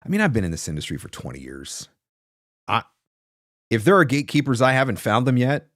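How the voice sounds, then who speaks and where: Speaking a little fast, the livestream host, a man in his forties who coaches voice-over marketing, has a medium pitch that swoops wildly and a slightly bright tone. He gives casual, emphatic advice in answer to comments, close on a desk mic in a small home studio with no room sound.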